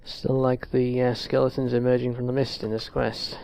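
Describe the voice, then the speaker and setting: Young male gameplay commentator, gravelly and unhurried, thinks aloud. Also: mid-range voice, soft background music. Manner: relaxed, thinking aloud with fillers.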